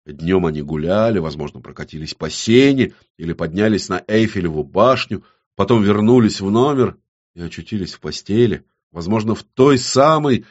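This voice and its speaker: A man narrating an audiobook in a measured, intimate storytelling manner. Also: low-pitched, dull audio.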